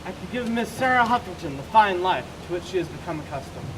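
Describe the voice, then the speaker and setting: A man playing a vain, wealthy young gentleman suitor in a stage comedy, speaking in a pompous, self-satisfied way. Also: high voice, animated, fast. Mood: smug. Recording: noisy stage recording, distant microphone.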